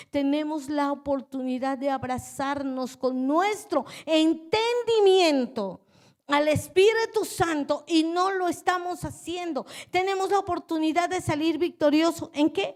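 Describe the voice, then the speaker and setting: A woman's voice: high-pitched, a little mellow. A woman pastor preaching a sermon earnestly, repeating her phrases and putting questions straight to her listeners.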